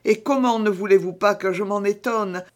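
A woman's voice: medium pitch, normal speed, natural voice. A woman reading a novel aloud, voicing a cunning, guarded noblewoman who speaks insistently. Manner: hesitant, then cold and insistent. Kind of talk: audiobook character reading.

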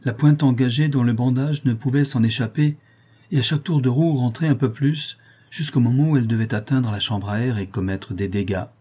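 A man narrating a novel in a measured, even storytelling manner. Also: mid-range voice, breathy edge. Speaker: audiobook narrator.

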